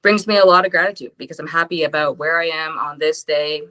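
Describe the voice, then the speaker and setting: A woman with a bright, forceful, slightly low voice talks upbeat and encouraging. She shares her gratitude with the group on a video call, often saying "like". Her tone stays positive and open. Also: fast, low-quality recording. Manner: upbeat, warm, encouraging, with many "like"s. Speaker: call participant. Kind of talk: personal sharing in a group call.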